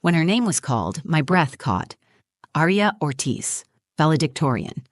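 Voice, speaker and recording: Telling a scripted story in the first person, this narrator, a woman in her forties, sounds measured and reflective yet makes big pitch swings. Her voice sits fairly low, and the recording is close and dry with no room around it.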